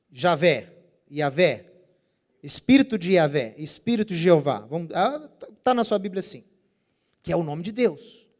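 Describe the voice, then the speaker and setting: A man with a high-pitched voice leads a Bible study lecture. He explains carefully and pronounces Hebrew terms deliberately. He poses rhetorical questions to his listeners and answers them himself. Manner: says Hebrew terms with care. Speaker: teacher.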